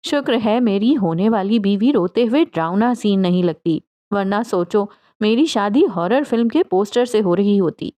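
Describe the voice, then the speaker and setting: A woman's voice: medium pitch, animated, natural voice. A woman reading a teasing young fiancé. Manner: gentle joking banter.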